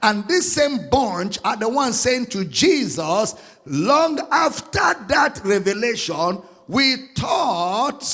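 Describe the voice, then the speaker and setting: A man preaching a sermon as a pastor, singing out scripture lines and spelling words slowly. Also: very high voice, fairly bright tone, long reverb tail.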